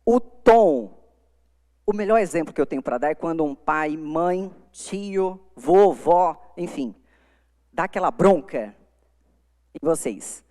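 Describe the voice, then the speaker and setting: A woman's voice: sits low, animated, takes it slowly, dark tone. A middle-aged woman with a Brazilian accent gives a live lecture on communication to young lawyers, speaking emphatically into a microphone. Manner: emphatic, demonstrative, shifts volume to make points. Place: conference hall before an audience. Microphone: handheld microphone. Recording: long hall reverb.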